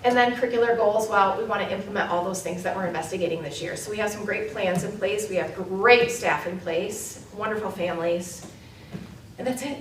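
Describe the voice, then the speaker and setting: A woman presenting an immersion program report at a board meeting, talking fast and eagerly with plenty of fillers. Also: mid-range voice, a little hiss or hum. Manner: enthusiastic, fast, filler-heavy. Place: meeting room. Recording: echoey room, mic far off.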